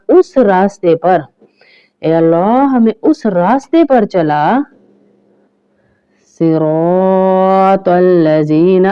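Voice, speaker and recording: A woman teaching recitation step by step, chanting the verses slowly and drawn out, then explaining each point briskly with rising emphasis. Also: on the high side, smooth, dull audio. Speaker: religious teacher.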